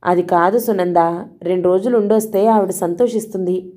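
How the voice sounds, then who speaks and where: A woman voicing a caring man, an elder brother who questions slowly and gently. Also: mid-range voice, fairly even intonation, natural voice. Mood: concerned. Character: male hospital patient, caring elder brother.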